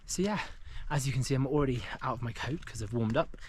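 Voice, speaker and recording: A man's voice: medium pitch, fast, noisy background. A man filming himself as he hikes a mountain trail, chatting casually with plenty of fillers, out of breath on the climbs. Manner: chatty, loose with fillers, talks while walking. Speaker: hiking vlogger. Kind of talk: casual chat while hiking.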